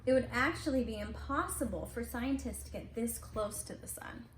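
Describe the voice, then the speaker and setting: A parent reads a picture book aloud to her kids at home, casual and conversational, stopping to explain the pictures in asides. Her voice is on the high side with lively intonation at a moderate pace. The sound is roomy with faint noise.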